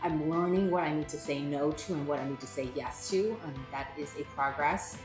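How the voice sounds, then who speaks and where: Music plays in the background of this echoey room as a US entrepreneur in her forties speaks reflectively as an interview guest. Her low voice moves a little fast, full of fillers and restarts in a conversational style.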